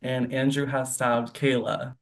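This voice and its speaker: A man's voice: mid-range voice, level tone, unhurried. A man hosting an online game show over a video call, announcing results with an upbeat, giggly manner.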